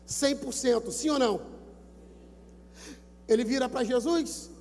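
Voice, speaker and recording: High-voiced preaching Brazilian pastor, booming hall. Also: male voice, measured pace, a little hiss or hum. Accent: Brazilian Portuguese. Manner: emphatic preaching, repeats numbers, urges listeners to shout. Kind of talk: sermon at a youth event. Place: large gymnasium. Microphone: handheld microphone. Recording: long gymnasium reverb.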